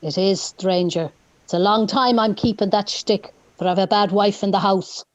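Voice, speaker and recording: A woman's voice: medium pitch, fairly even intonation, moderate pace, no echo, lo-fi sound, lightly acted. A woman playing a grumbling old husband. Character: bitter old husband faking death, grumbling. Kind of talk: play reading.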